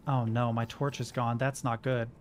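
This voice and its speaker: A man's voice: medium pitch, slight background noise. An American man doing casual livestream game commentary, talking to himself as he plays and reading in-game notes aloud. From Kentucky, United States. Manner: talks to himself while playing. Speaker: game streamer.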